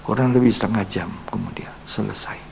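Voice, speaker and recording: Gravelly man preaching in a reverberant hall. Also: fairly low pitch, fairly quick. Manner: storytelling, quotes people in a hushed voice, then rises to forceful exhortation. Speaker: pastor. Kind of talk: Bible study sermon. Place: church hall. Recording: long reverb in a church hall, faint hum.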